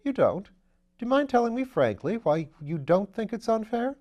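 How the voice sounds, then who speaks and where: A male reader voices an excitable upper-class gentleman sleuth, pitching him well above his own natural voice. The whimsical audiobook character is chatty, playful and theatrical, spoken at a moderate pace on dull-sounding audio.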